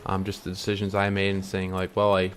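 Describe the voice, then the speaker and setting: A man's voice: low-pitched, monotone, a little fast. A young man talking to camera in a casual, rambling way, full of ums and restarts, earnest about following his dreams. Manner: chewing candy while talking. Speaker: vlogger. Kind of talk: casual reflective monologue.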